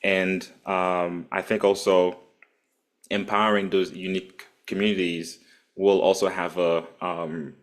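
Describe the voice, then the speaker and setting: A man from Haiti, speaking thoughtfully as a panelist in an online discussion, often pausing with "um". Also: sits low, level tone. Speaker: panelist, policy group founder.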